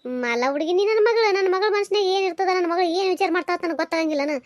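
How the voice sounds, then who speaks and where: A woman doing a fussing village mother, high and fast. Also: animated, dry recording, clean studio sound. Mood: coaxing. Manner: coaxing, nagging, talks over and over. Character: fussing village mother, older, caring and scolding. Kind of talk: cartoon voice acting.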